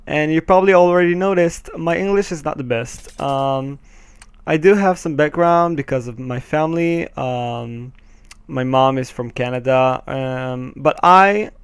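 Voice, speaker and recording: A teenage Israeli boy, a native Hebrew speaker with an Israeli accent, gives casual gameplay commentary over a headset, hesitant and full of ums and nervous laughs, swearing when the game goes badly. His fairly high voice is unhurried, clear, and resonant, with no echo.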